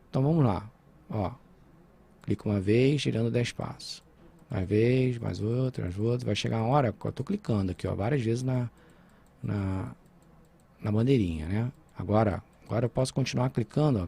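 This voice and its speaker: A man with a Brazilian Portuguese accent teaches a programming lesson over a screen recording, speaking informally and checking in with his students. His mid-range voice is creaky, warm and husky.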